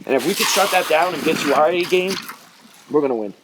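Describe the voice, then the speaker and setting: American guy in his 40s, kinda higher voice, coach talking casually in an interview, noisy clicky audio. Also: expressive, fast talker. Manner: colloquial, emphatic, peppered with "you know". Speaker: jiu-jitsu coach and competitor.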